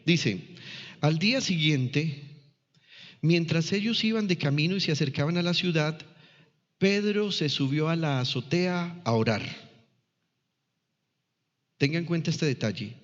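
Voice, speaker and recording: A man's voice: fairly high pitch, expressive, a little slow, pauses often. A man preaching a sermon, teaching the congregation and often checking in with them through questions. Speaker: pastor. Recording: long reverb, dull lo-fi church recording.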